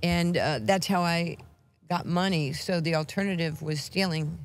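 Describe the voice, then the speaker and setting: A woman with a New York accent, a guest telling animated, street-tough stories with lots of acted quotes. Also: lowish voice, normal speed, faint music behind. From New York, USA. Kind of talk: casual storytelling.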